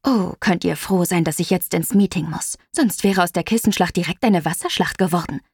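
A stern yet teasing mother from an audiobook story, read by a woman. Her voice is slightly gravelly and close to the mic in a dry recording. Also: lowish voice, brisk, darkish tone, no echo. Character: strict but mischievous working mother.

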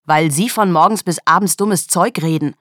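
A woman's voice: on the low side, moderate pace, a bit bright, dry recording, studio quality, natural voice. A woman reading an audiobook, voicing a blunt, loyal male forensics officer who speaks in a mocking, outspoken way.

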